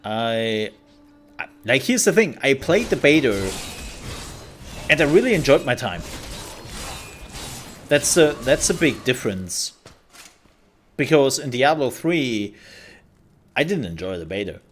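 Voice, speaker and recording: A man's voice: mid-range voice, very animated, a little slow, pauses often, fairly bright tone, slight background noise. A man giving casual commentary as he plays a video game and hosts the playthrough. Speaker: gamer, let's play host. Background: game music.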